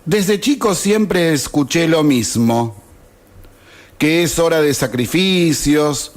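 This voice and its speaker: A man's voice: fairly high pitch, animated, slow. A man in his fifties with an Argentine accent, reading a sarcastic opinion editorial on radio. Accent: Argentine Spanish. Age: 50s. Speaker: radio host. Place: radio studio.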